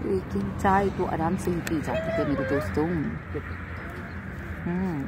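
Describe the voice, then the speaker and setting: In this travel vlog, the thirties-something mother films herself with an arm's-length phone, chatting playfully at a roadside restaurant garden and later in the car, with English words sprinkled in. Her lowish voice swoops wildly in pitch at a measured pace amid heavy background noise.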